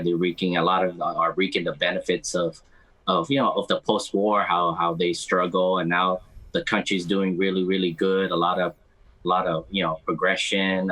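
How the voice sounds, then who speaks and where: A man speaking casually as an interview guest, halting and often repeating words as he goes. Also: deep voice, a bit bright, poor audio. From United States, Cambodian American community. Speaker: podcast guest. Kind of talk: casual interview chat, mixing Khmer and English.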